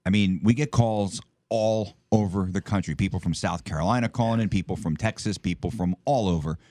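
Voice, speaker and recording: A man's voice: low voice, brisk, dark tone, no echo. A man who produces a radio show, telling stories in casual chat on a studio microphone. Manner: chatty, storytelling.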